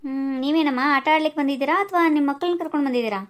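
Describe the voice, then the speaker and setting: A woman voicing a calm, soothing show host. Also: high-pitched, racing, lightly acted. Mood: placating. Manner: soothing, placating. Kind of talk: cartoon voice acting.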